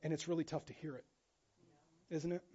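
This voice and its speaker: A man preaching a sermon as pastor, animated and jokey, acting out quoted voices with casual asides. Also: fairly high pitch, a little fast, lo-fi sound. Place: church.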